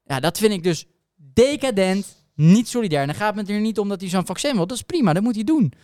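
A high-pitched man co-hosts a casual podcast. He rants with sarcastic irritation and keeps restarting his sentences. The recording is dry and close. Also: animated, brisk, darkish tone, no room sound. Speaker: co-host. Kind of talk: casual ranting podcast chat.

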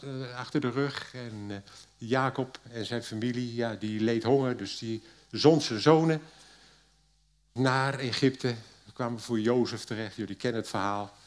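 Guy preaching a sermon, tells the story all animated, gets loud then quiet, lots of little pauses, middle pitched voice. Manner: lively storyteller, swings between loud and hushed; pauses with filler hesitations. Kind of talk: sermon retelling a Bible story.

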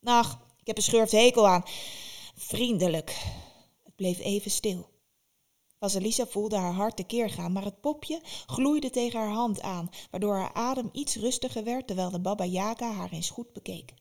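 A woman narrating a fairy tale in a lively, expressive storytelling manner. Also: medium pitch, moderate pace.

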